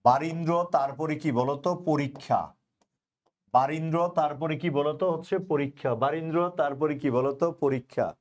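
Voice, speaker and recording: A man's voice: fairly high pitch, fairly even intonation, normal speed, a little mellow. A young man teaching an online grammar class for an admission coaching, who keeps drilling his students by asking a question and then answering it himself.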